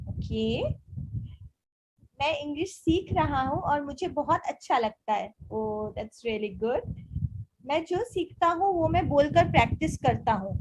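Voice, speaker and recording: A woman's voice: high-pitched, poor audio. A young woman, an English teacher, reads viewer letters and answers them in an encouraging, casual mix of Hindi and English.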